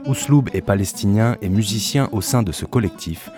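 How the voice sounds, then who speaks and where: Male reporter, scripted narration, low voice, guitar music behind. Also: moderate pace. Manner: even, read-aloud delivery.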